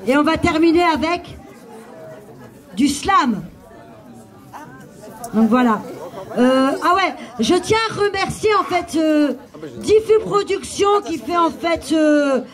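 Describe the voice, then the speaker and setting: A woman's voice: very high-pitched, unhurried, long pauses, a faint crowd. A woman hosting an open-mic night on stage, chatty and hesitant, with many fillers. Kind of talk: live stage announcing. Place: small live venue with audience.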